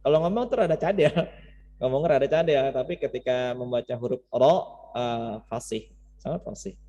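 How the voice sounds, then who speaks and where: A man's voice: mid-range voice, normal speed, dark tone. A man teaching Quran recitation informally in an online class, explaining and repeating words and syllables to demonstrate, in muffled, reverberant audio. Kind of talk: informal lesson with chanted demonstrations. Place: online class over Zoom, reverberant sound.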